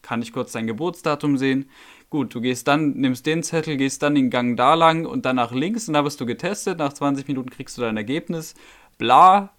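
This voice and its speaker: A man's voice: mid-range voice, fairly quick. A young man from Germany co-hosting a casual podcast, tired and irritable after work, ranting and swearing as he acts out customers. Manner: worked-up, swearing, acts out customers in quoted voices. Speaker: podcast co-host.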